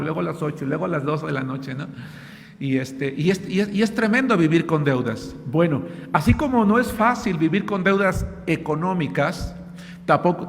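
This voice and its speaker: A man's voice: high voice, fairly bright tone, long reverb tail. A man preaching a sermon as pastor, speaking earnestly and reading scripture aloud in a church.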